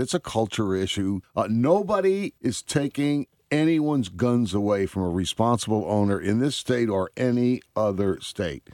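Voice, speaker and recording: A man's voice: medium pitch, darkish tone, no room sound. A man speaking as a regular political analyst on a radio panel. He is blunt and a little dismissive. The voice is dry and close to the mic.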